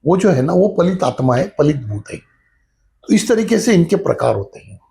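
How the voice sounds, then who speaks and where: Middle-aged guy with a real gravelly voice, kinda high for a man, chatting about spirits, keeps saying "you know". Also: sing-song, moderate pace, mellow. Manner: conversational, repeats the filler "jo hai na" often. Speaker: spiritual teacher. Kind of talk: casual spiritual talk with storytelling.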